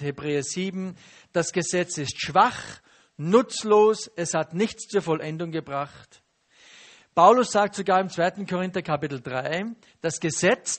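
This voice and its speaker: High-voiced lively preacher. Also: male voice. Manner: lively, asks the audience questions and acts out quotes. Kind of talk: teaching sermon.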